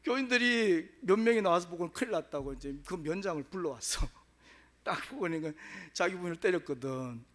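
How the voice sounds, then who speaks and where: A male pastor preaching a story-driven sermon in a church. His voice sits high and rises and falls with great animation, dramatizing every turn. He addresses the congregation directly. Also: animated, brisk, fairly bright tone. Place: church sanctuary.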